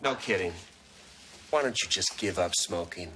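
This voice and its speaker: A man's voice: deep voice, expressive, normal speed, background noise. A man playing a teasing single father in a 1990s sitcom, with dry, sarcastic wit. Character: wry, teasing middle-aged single dad.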